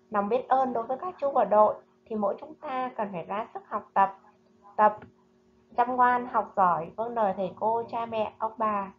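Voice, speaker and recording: A woman teacher leads a recorded reading lesson for small children, pronouncing every syllable slowly and distinctly. Her voice sits a little high. The voice-over has a slightly muffled, lo-fi sound. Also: slight background noise. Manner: slow, careful, clearly enunciated reading and drills. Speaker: primary school teacher. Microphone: voice-over narration over slides.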